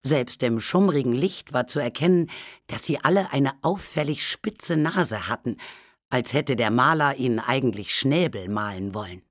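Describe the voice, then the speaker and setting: A narrator reading a children's storybook aloud with calm, unhurried storytelling. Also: mid-range voice, dry recording, studio quality. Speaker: audiobook narrator.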